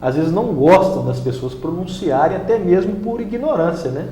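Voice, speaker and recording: Mellow-voiced male TV host, roomy studio. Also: high voice, normal speed, a little hiss or hum. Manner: asks short questions, recaps answers. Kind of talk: TV studio interview.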